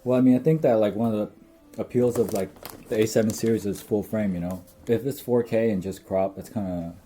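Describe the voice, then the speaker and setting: A man's voice: lowish voice, steady tone, brisk, dark tone, soft background music. A young man co-hosting a casual chat, joking and loose, full of fillers like "like" and "you know.". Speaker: co-host.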